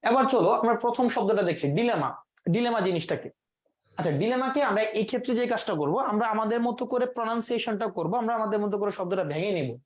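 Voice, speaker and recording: Talking fast in a high voice, a man runs a classroom vocabulary lesson, breaking down each word step by step. He pauses to quiz the students and slips English terms into his sentences.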